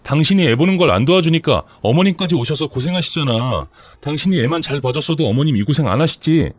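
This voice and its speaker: A man voicing a young mother and wife who shouts at her husband in shrill, high outbursts, in a story read for radio. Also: lively intonation, fast, slight background noise. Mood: furious shouting.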